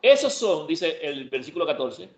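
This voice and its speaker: A man's voice: a little high, sing-song, normal speed, slight background noise. Emphatic preacher man in an echoey room. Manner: emphatic, asks and answers his own questions. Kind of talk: Bible prophecy teaching. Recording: echoey room, dull lo-fi sound.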